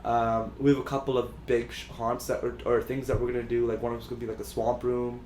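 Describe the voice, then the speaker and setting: A man's voice: medium pitch, little pitch movement, quick pace, a little mellow, slight background noise. A man co-hosting a podcast, chatting casually in a rambling way with lots of fillers and restarts. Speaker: podcast co-host. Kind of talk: casual chat. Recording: echoey room.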